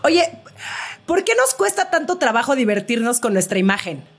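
A woman hosting a casual podcast, asking questions and quick to laugh. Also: fairly high pitch, big pitch swings. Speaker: podcast host.

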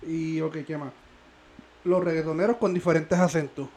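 A man co-hosts a loose podcast and keeps things crude and joking. His voice sits high for a man, and he breaks into laughter often. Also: fairly even intonation, moderate pace, darkish tone. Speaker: podcast co-host. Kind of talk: casual banter.

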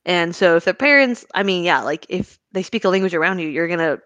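A woman's voice: fairly low pitch, animated, brisk, a bit bright, no echo, lo-fi sound. A young woman from the States co-hosting a podcast, chatting casually with giggles and lots of fillers. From United States. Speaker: podcast co-host. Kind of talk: casual chat.

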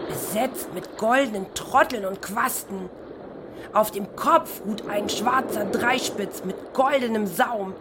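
A woman's voice: mid-range voice, noisy background, close to an everyday voice. A woman playing an earnest sailor who speaks in a solemn, narrator-like way in an audio drama. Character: earnest sailor solemnly describing everything aloud.

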